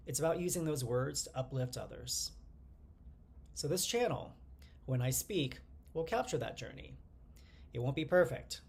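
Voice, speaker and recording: A man in his forties from the United States, speaking to the camera in a measured, earnest personal monologue as the channel's host. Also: mid-range voice, lively intonation, creaky, a little mellow, breathy edge. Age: 40s. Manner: earnest, measured delivery in short phrases, glancing at notes.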